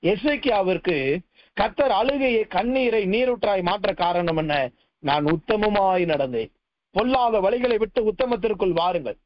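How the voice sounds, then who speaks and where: Male preacher with a high voice, urgent exhortation, dry and slightly muffled recording. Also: moderate pace, no room sound. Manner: preaching with rising and dropping intensity, exhorting listeners. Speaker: pastor. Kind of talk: sermon.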